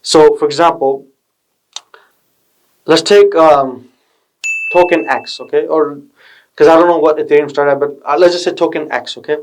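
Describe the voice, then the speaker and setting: Man, slightly high pitch, tech-bro manner, slangy, pushy, casual motivational explainer, channel host. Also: fairly even intonation, normal speed, long pauses, a little hiss or hum, low-quality recording. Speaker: video channel host giving investment advice.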